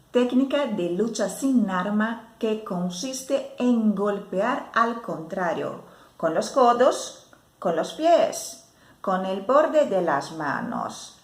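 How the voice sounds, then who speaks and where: Slow, patient woman teaching Spanish words. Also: medium pitch, reverberant. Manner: repeats each word twice, explaining patiently. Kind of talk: slow spoken language lesson.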